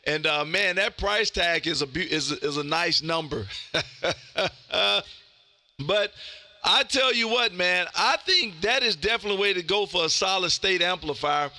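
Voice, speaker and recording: A man with a high-pitched voice chats casually with listeners as host of a live amateur radio stream, speaking at a moderate pace in a bright, forceful tone. He is effusive and folksy, often tossing in the word "man," and there is no room sound.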